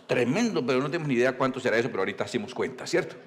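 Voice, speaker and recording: A male pastor, preaching in a conversational storytelling style, asking the congregation questions and reading scripture slowly. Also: mid-range voice, sing-song. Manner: reads scripture slowly and deliberately. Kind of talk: sermon.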